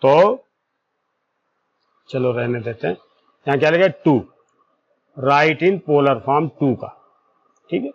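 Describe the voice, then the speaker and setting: A man with a somewhat high voice works through a maths lesson at a very slow, deliberate pace. He draws out each formula term and keeps pausing to check that his students follow. The recording is dull and lo-fi. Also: slight background noise. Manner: slow, deliberate explaining, stretching out formula terms, checks in with "ठीक है"; corrects himself aloud mid-formula. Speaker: maths teacher. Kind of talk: whiteboard lesson.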